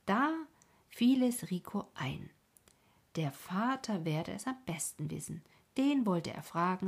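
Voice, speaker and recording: A woman reads a classic children's story in a calm, gentle manner. Her voice sits low and husky, dropping now and then into a breathy half-whisper. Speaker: audiobook narrator. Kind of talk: storybook narration.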